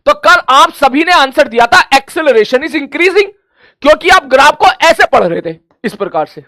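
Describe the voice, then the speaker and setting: A man with a strikingly high voice teaches a physics class in a dry, close-sounding space. He talks to the class like family, calls them brother and child, and plays both sides of the question and answer. He counts things out slowly aloud to make a point. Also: very animated, sharp tone, dry recording. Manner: chatty, quizzes himself in students' voices and answers. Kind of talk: coaching class lecture.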